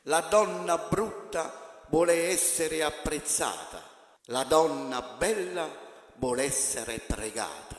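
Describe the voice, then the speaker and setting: Slow-speaking man in an echoey hall. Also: a little high, animated. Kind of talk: reciting sayings in formal Italian.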